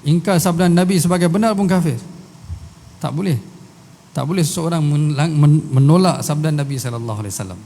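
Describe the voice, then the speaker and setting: Male Malaysian preacher, slightly high mellow voice, storytelling lecture in an echoing mosque hall. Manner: storytelling, quotes Arabic verses and asks rhetorical questions. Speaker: religious teacher. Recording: long hall reverb.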